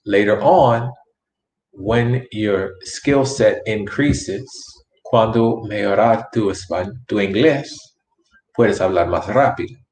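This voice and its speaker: A man teaching English in a language lesson, speaking slowly and repeating words with careful enunciation. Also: lowish voice, a little mellow, a little hiss or hum. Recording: echoey room.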